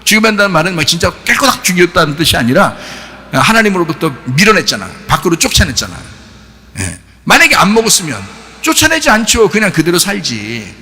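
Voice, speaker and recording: A male pastor preaches with a high, lively voice that leaps up and down in pitch. His tone is bright and forceful, and he fires questions at the congregation and bursts into shouts. A long hall reverb trails behind him. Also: quick pace. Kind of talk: sermon. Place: church sanctuary.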